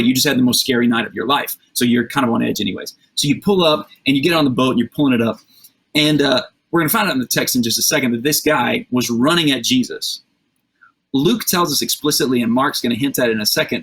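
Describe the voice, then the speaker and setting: A man preaches to a streamed congregation, his voice a little husky and mid-pitched. He retells a scripture story in plain, conversational words and keeps inviting listeners to picture the scene. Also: fairly bright tone. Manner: conversational, vivid storytelling with rhetorical questions. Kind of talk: livestreamed sermon.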